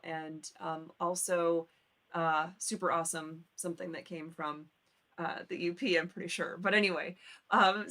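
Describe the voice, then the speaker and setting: A woman's voice: fairly low pitch, fairly bright tone. Chatty woman hosting a live call-in. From Upper Peninsula of Michigan. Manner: chatty, informal, thinking aloud. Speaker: host of a live legal call-in show. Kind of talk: casual live-stream chat.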